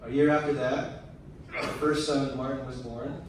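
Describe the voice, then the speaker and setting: Captured from afar in a noisy, heavily echoing hall, this son reads his prepared memorial speech at medium pitch with a flat delivery. His pace is tender and measured, broken by deliberate pauses.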